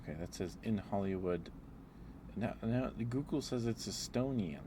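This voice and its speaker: A man with a fairly low voice talks at normal speed to viewers during a live ASMR stream, rambling in an affectionate, apologetic manner. The recording clearly picks up background noise and keyboard typing.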